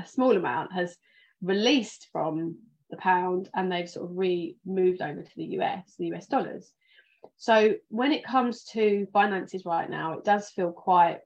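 A woman's voice: fairly low pitch, darkish tone. Sleepy, chatty British woman with a southern English accent, podcast host, slightly muffled. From England. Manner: chatty, rambling with many ums and restarts. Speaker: podcast host, financial planner. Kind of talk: casual livestream chat.

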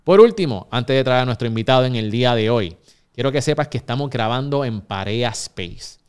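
A man hosts a podcast in an upbeat way, addressing his listeners directly. His voice is smooth and clear, set at an ordinary middle pitch. He speaks from a recording studio. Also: fairly even intonation, fairly quick. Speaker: podcast host. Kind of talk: energetic podcast hosting with promotional reads.

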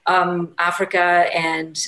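Guest woman from Portugal, slightly low voice, lively storyteller in a casual interview. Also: takes it slowly, rough recording.

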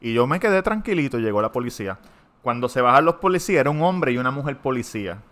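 A man with a Puerto Rican Spanish accent, hosting a podcast and telling a story to friends in a casual, animated way, swearing freely. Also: medium pitch, fast talker. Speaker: podcast host.

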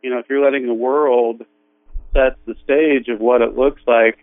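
A man on a tinny phone line whose voice comes through thin, with no bass. The sound is dry and close. He chats in a relaxed, reflective way and jokes now and then. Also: normal speed, dry recording. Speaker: regular co-host calling in. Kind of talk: casual radio talk.

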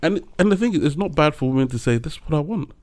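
A man co-hosting a casual chat, animated, laughing often, pressing his points with a preacher's emphasis. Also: fairly high pitch, rapid-fire.

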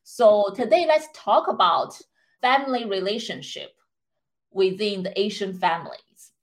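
Woman podcast host, mid-pitched, measured and clear, explanatory interviewer. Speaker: podcast host, clinical psychologist. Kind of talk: scripted podcast intro and interview.

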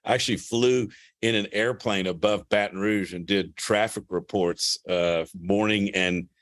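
Man, very deep radio voice, easygoing, self-deprecating, dry close sound. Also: fairly even intonation, a little slow, a bit bright, no room sound. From Louisiana. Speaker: guest pastor. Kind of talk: casual podcast conversation.

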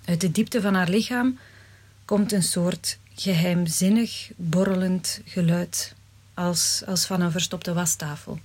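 Husky woman reading a story aloud. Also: lowish voice, fairly even intonation, takes it slowly, darkish tone. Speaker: narrator. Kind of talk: storytelling reading, first person.

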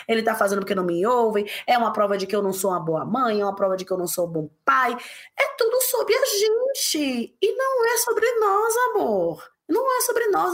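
A woman from the interior of Bahia, speaking as a guest in an interview in an emphatic, passionate way with big pitch jumps. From interior of Bahia, Brazil. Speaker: guest, parenting author. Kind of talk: conversational interview.

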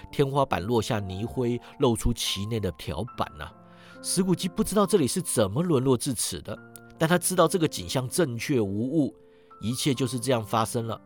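A man reading a story aloud, expressive, his voice rising and sinking with the scene. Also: mid-range voice. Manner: expressive, rises and sinks with the scene. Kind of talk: storytelling narration.

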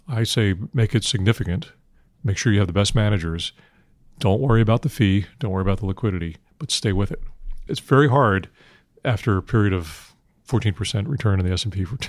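An older man answering interview questions on finance in a measured, matter-of-fact investment banker manner, heavy with industry jargon. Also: fairly low pitch, dry recording. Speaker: institutional investment manager being interviewed.

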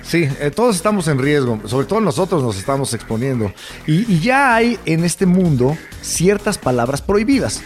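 A man's voice: a little high, big pitch swings, normal speed, soft background music. Blunt, joking Mexican man. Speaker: podcast co-host. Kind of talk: casual debate chat.

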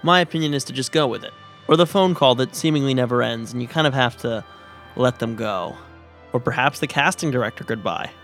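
A man's voice: mid-range voice, fairly quick, a bit bright, faint music behind. A man hosting a podcast, speaking in a dry, wry scripted way. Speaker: podcast host.

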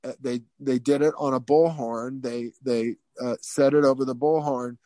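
A man as an interview guest telling a story casually, animated and profane, with many fillers and restarts. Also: mid-range voice, moderate pace, no room sound.

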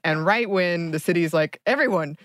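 A woman co-hosts a podcast in an easy, conversational style. Her voice sits low for a woman, and the sound is close and dry, recorded in a small closet at home. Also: lively intonation, moderate pace, fairly bright tone, no echo. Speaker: podcast co-host. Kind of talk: casual chat. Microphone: home podcast microphone, close.

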